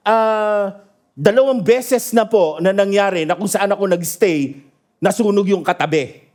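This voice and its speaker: High-pitched guy preaching at church, chatty storyteller, keeps asking amen?. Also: a little slow. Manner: lively storyteller who laughs at his own stories; asks the congregation for agreement. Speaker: pastor. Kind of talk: sermon mixing Tagalog and English.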